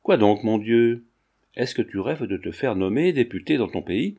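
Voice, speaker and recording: A man's voice: mid-range voice, animated, normal speed, warm tone. A man reading a novel aloud, voicing a mocking, skeptical young Parisian man who teases his friend with irony. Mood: teasing. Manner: teasing, ironic.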